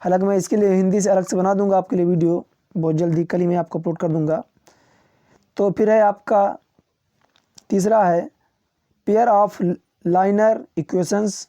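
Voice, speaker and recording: Mellow-voiced male coaching teacher. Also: high voice, no room sound, dull audio. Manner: lists topics one by one, with small chuckles; slows down to read English titles. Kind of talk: syllabus walkthrough for students.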